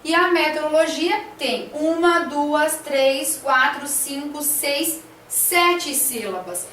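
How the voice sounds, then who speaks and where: A woman's voice: high-pitched, slow pace, fairly bright tone, echoey room, distant mic, slight background noise. A woman teacher talking through a classroom lesson plan, hesitant, with many fillers and tag questions.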